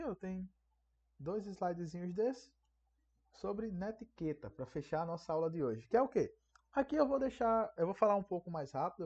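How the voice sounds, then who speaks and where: Brief: man, fairly high voice, conversational online lecturer, dull lo-fi recording. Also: warm tone. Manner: conversational, frequent tag questions. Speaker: online course teacher. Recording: dull lo-fi audio.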